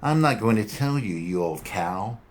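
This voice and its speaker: A man's voice: fairly low pitch, animated, normal speed, voice pushed up. A man voicing a sullen young male thug with an unpleasant, whiny voice. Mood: whiny sneering.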